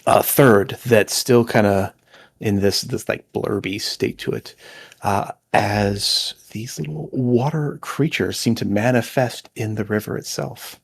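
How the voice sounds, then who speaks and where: Male GM, gravelly and husky, animated delivery, halting narration. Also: on the low side. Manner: lively, halting narration with many fillers. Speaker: game master. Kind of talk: narrating a tabletop game.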